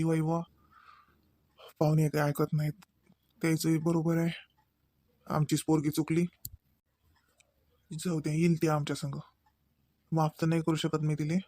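A man voicing a quiet, sorrowful father. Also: on the high side, completely flat delivery, normal speed, long pauses, dry recording, close to an everyday voice. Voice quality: soft, heavy-hearted. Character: sorrowful older father of the wife.

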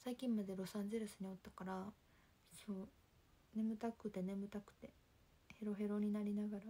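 A young woman with a Kansai accent, chatting casually on a livestream and reading viewer comments in a soft, calm voice that often drops near a whisper. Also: mid-range voice, normal speed, husky. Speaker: livestream host. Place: home.

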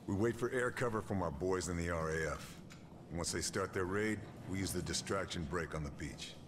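An actor playing a stern wartime sniper giving a calm, clipped mission briefing in a video game. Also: male voice, low voice, normal speed, noisy background, lightly acted. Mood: determined. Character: stern male wartime sniper hero, terse. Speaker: game character.

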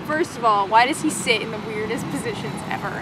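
A woman's voice: on the high side, fast, background noise. A young woman from Long Island, chatting and joking at herself through a casual vlog in a theme park. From Long Island, New York. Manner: chatty and self-mocking, many fillers. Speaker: vlogger host. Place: outdoor theme park streets. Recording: loud crowd and music behind.

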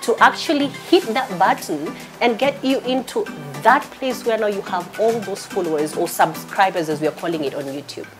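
A woman from Kenya hosting a studio television interview, asking questions in an expressive, lively way. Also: medium pitch, moderate pace, few pauses, music in the background. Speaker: talk show host. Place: TV studio set.

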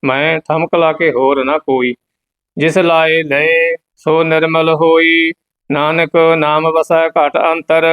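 A man teaching scripture recitation, reading verse line by line at an even pace and stopping now and then to explain where to pause. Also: fairly high pitch, clear, resonant tone, low-quality recording. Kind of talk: slow measured scripture recitation with pronunciation notes.

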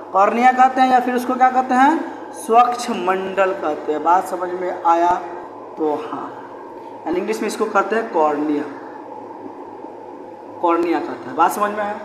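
A male teacher explains a science lesson in an easy, conversational way. He keeps putting questions to his class and answering them himself, going over each term again and again. His voice carries a strong room echo with a long tail and a faint hum underneath. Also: extremely high pitch. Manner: repetitive and drilling.

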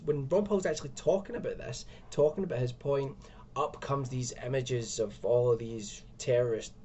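A young video commentator with a warm, medium-pitched voice rants at a webcam from home, his commentary full of sarcasm and exasperation. A little hiss or hum runs under the audio.

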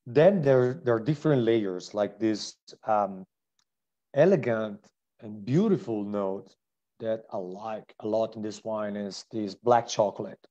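A man's voice: on the low side, measured pace, warm tone, highs cut off. A man with an Italian accent hosting a live online wine tasting, describing wines with enthusiasm and frequent restarts. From Italy.

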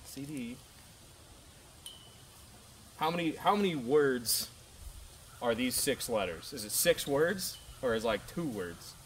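A man in casual chat, slowly sounding out words aloud, laughing often and cursing when he gets stuck. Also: mid-range voice, animated. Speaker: challenge participant. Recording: noisy background.

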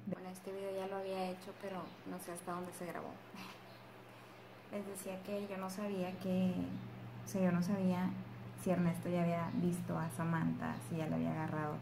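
A young woman, casually telling her vlog audience about giving birth, with emotional, animated retelling and quoted dialogue. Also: on the low side, fairly quick, vocal fry, background noise. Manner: soft, hushed voice while holding her sleeping baby. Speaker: vlogger. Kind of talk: casual storytelling to camera.

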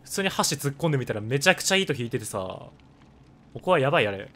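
A man with a hoarse voice, chatting casually while live-streaming a game and thanking viewers for donations. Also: mid-range voice, very animated, fast talker, fairly bright tone.

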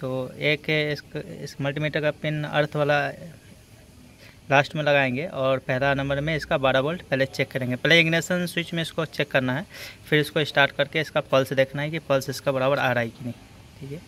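Step by step and hands-on, an auto electrician who hosts videos explains a repair casually, frequently dropping in short check-in tags. His fairly high, fairly bright voice runs a little fast with fairly even intonation. He's in and beside a car at the engine bay, in a noisy handheld workshop recording full of engine noise.

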